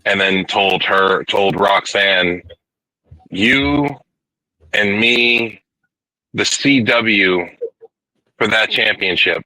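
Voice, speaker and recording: A man in his forties in casual wrestling chat, blunt and a bit halting as he starts his points. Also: on the low side, bright, forceful tone, dry recording, low-quality recording. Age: 40s. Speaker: podcast co-host.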